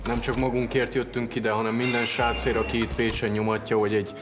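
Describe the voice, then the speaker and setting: A man's voice: mid-range voice, little pitch movement, over music. A man, a rap contestant, speaking eagerly and heartfelt to a mentor. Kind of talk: interview statement.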